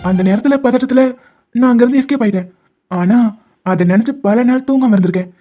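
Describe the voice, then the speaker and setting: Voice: medium pitch, quick pace, mellow, natural voice. Actor voicing a stubborn teasing young cartoon doctor, pet names, dull lo-fi sound, faint music behind. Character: persistent young man, doctor, claims the heroine as wife. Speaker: male lead. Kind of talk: animated love-story dubbing.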